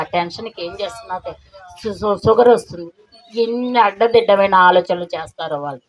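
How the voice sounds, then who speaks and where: A middle-aged woman giving a spiritual meditation class in an earnest, preaching way, full of rhetorical questions. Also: mid-range voice. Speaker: meditation teacher. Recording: dull lo-fi recording, faint noise.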